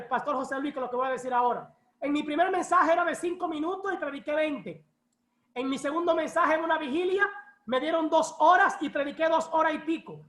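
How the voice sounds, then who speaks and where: A woman pastor preaching a personal testimony in a church, telling stories in a lively way and acting out what people said. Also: high-pitched. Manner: lively storytelling, acts out quoted voices. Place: church hall. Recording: echoey church room.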